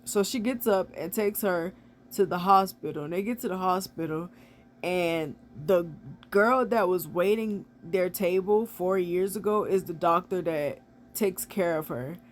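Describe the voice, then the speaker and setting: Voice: mid-range voice, measured pace, slight background noise. A movie reviewer retelling a film's plot in a casual, filler-heavy way, with frequent "like" and blunt, opinionated asides. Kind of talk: casual real-time movie recap.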